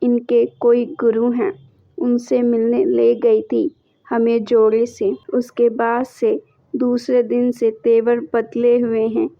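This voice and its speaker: An anxious young bride pours out her troubles to her mother in a pleading, tearful way, as a woman storyteller puts her on. The voice sits a little high with a gravelly edge. The recording is dry and dull, like a lo-fi home setup. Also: monotone, slow pace, no echo.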